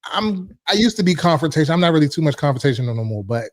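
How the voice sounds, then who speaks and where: A man's voice: on the high side, big pitch swings, quick pace, no room sound, clean studio sound. A man co-hosting a casual sports talk show, talking bluntly and swearing freely. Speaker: podcast co-host.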